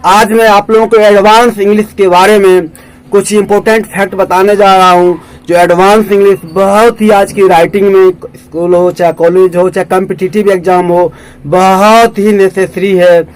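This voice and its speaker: A man with an Indian accent teaching English vocabulary in Hindi, spelling each word out and repeating it slowly. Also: sits high, level tone, smooth, poor audio.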